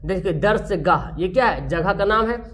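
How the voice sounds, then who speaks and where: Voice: mid-range voice, lively intonation, moderate pace, fairly bright tone. An online tutor, teaching a live grammar class. Asks questions and answers them, repeats key terms, and reads out viewers' names with praise.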